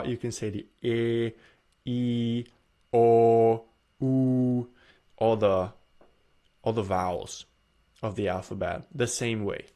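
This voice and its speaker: A man giving an earnest self-help presentation, often repeating and restarting his phrases. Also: on the low side.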